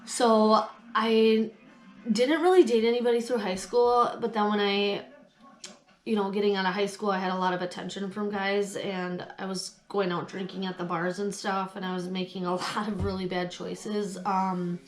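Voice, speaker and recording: A woman tells her own story in a candid, conversational way. Her nose sounds stuffed up with a cold, and her voice sits at a middle pitch. She goes hesitantly, pausing to recall things as she speaks. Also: steady tone, soft background music. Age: adult past late twenties. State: has a cold. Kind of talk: candid personal storytelling to listeners.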